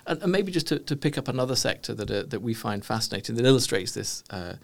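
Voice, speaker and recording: A middle-aged man answering interview questions as a consultant guest, talking in an animated, emphatic way and often restarting his phrases. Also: medium pitch, fast talker, creaky.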